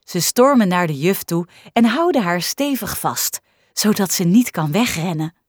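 A woman narrating a children's storybook in a clear, expressive way. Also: lowish voice, moderate pace, no room sound, clean studio sound. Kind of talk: storybook reading.

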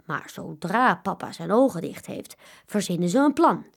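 A woman reading a children's story aloud, expressive and animated. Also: fairly low pitch, moderate pace, gravelly, husky.

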